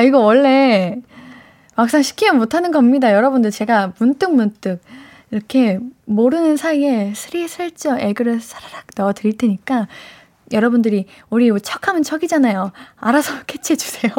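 A woman's voice: fairly high pitch, animated, normal speed, a little mellow. A woman hosting a live radio show, reading listener messages in a playful, teasing way and slipping into cute baby-talk. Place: radio studio. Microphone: studio microphone.

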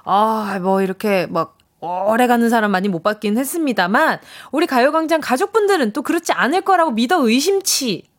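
Lively, chatty woman radio DJ. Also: fairly high pitch, brisk, few pauses. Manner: lively, chatty, encouraging, acts out quoted lines. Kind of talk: radio show chat reading listener messages.

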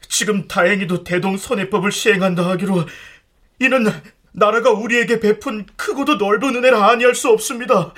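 A woman's voice: fairly high pitch, close to an everyday voice. A woman playing a long-suffering, grateful peasant petitioner in a historical radio drama, humble, emphatic and emotive.

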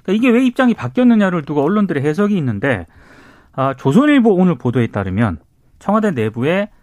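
A male radio news panelist explains stories at a very quick pace. His voice is fairly high and swings widely in pitch, recorded close and dry. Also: sing-song, a little mellow, no echo. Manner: explanatory, reporting.

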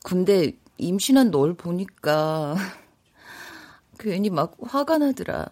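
An actress in her thirties playing a divorced woman in a radio drama, speaking quietly and hesitantly. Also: on the low side, very animated, slow, heavily acted. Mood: sad. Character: divorced woman, reserved, hurt, softening.

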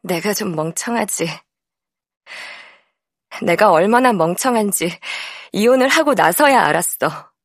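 A woman voicing a tipsy, dazed older sister, a pianist, in a slow and dreamy audiobook monologue. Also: mid-range voice, expressive, dry recording. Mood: dreamy, bitter. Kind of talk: audiobook character voice. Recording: dry studio.

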